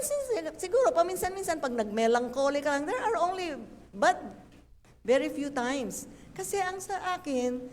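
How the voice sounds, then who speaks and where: Woman, pastor, lively playful sermon, higher voice, echoey church hall. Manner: lively, playful, mixing English into Tagalog.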